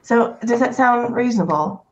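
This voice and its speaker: A woman's voice: fairly high pitch, expressive, normal speed, lo-fi sound. A woman playing a tabletop role-playing game, talking in character conversationally and hedging as she reasons aloud.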